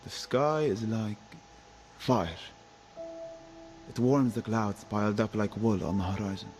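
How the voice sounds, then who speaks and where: A calm poetic adventurer. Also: male voice, on the low side, measured pace, faint music behind.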